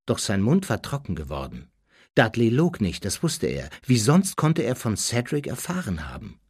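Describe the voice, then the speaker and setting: A man's voice: mid-range voice, wildly swooping pitch, moderate pace, slightly rough, no echo, studio quality. A man reading an audiobook with dramatic, suspenseful narration. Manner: dramatic, suspenseful, varied delivery. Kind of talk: scripted narration.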